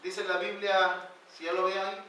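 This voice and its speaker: A male pastor preaching a sermon in a church, pushing phrases up loud and then sinking them to a near hush. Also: high-pitched, level tone, moderate pace, slight background noise. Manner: emphatic preaching, rising loud then dropping quiet. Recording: very echoey church hall, voice from far off.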